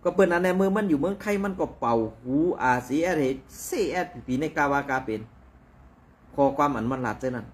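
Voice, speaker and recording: A man giving conversational news commentary in an animated, rambling way, with frequent fillers. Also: on the high side, brisk.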